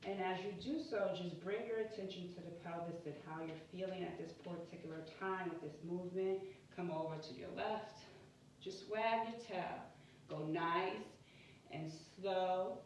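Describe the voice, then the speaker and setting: A woman guiding an exercise class in a careful, unhurried, deliberate way, cueing step by step in short phrases. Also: on the low side. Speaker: yoga and pelvic floor exercise instructor. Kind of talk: guided exercise instruction. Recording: very echoey room, distant mic, muffled, faint noise.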